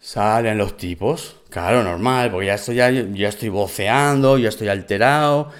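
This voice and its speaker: A man with a Spain Spanish accent telling a personal story in casual, animated, profane talk. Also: lowish voice, normal speed, smooth.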